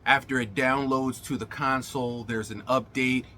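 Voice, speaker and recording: A man's voice: mid-range voice, fairly even intonation, normal speed, pushed and bright, slight background noise. A middle-aged man hosting a casual gaming vlog, speaking in an emphatic, colloquial showman's way, his words slightly slurred as if from a swollen mouth. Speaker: gaming channel host. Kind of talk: casual vlog monologue to viewers.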